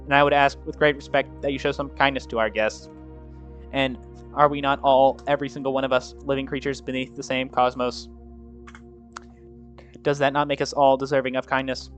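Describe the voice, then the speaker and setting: A man's voice: medium pitch, level tone, fairly quick, close to an everyday voice. A man voicing a round, polite robot president who pleads for peace in a formal, heartfelt way over faint music. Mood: earnest pleading.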